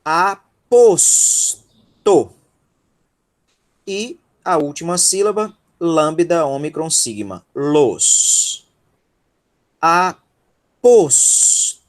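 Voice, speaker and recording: A man's voice: fairly high pitch, big pitch swings, slow. A man with a Brazilian Portuguese accent teaching Greek syllable by syllable in an online workshop, patient and encouraging, checking in with his students often.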